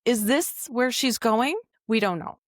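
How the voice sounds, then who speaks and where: A woman's voice: fairly high pitch, a little slow, no room sound. Chatty woman podcast host, dry sound. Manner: curious, chatty, explains research in detail. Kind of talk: casual recap chat.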